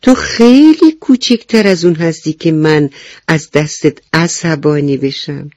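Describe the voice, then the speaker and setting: A man doing a gentle mother mouse. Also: on the high side, no room sound, natural voice.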